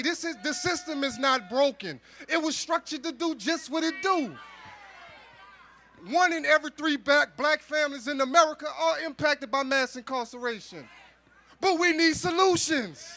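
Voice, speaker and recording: A middle-aged man from New Orleans giving an emphatic rally speech as an organizer, with repeated, shouted calls. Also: extremely high pitch, a little hiss or hum. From New Orleans, Louisiana. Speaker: activist organizer speaking at rally. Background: rally crowd.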